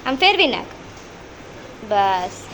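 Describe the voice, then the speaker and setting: A woman preschool teacher quizzing small children in a classroom, speaking slowly and patiently and repeating each child's answer back. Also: medium pitch, big pitch swings, fairly bright tone, a little hiss or hum.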